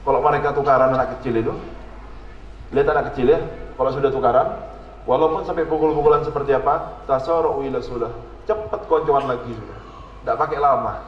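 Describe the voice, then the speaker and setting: A man's voice: medium pitch, steady tone, quick pace, a little hiss or hum. A man with a Javanese-tinged Indonesian accent preaching a sermon, putting questions straight to the audience and asking for their agreement. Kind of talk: religious sermon. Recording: echoey hall, dull lo-fi sound.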